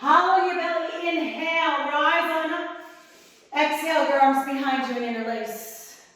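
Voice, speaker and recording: A woman with a high voice leads a yoga class, her calm cues a little breathless because she holds each pose herself. She sounds set back from the mic, and her voice rings through a very echoey room with a long reverb tail. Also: measured pace, far from the mic. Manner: calm, encouraging cues while holding poses herself. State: slightly strained breath while in poses. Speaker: yoga instructor. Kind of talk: guided yoga class instruction.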